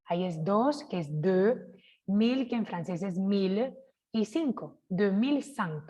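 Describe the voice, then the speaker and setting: Una maestra colombiana con acento de su tierra dicta una clase virtual de francés. Su voz femenina, de altura media, avanza sin prisa, con pausas para preguntar si el grupo entiende y repeticiones lentas de cada expresión. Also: female voice, mid-range voice, expressive, warm tone, highs cut off. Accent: Colombian Spanish. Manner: slow, careful pronunciation of French examples; checks in with frequent "¿cierto?". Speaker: French teacher. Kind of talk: online class, sharing screen.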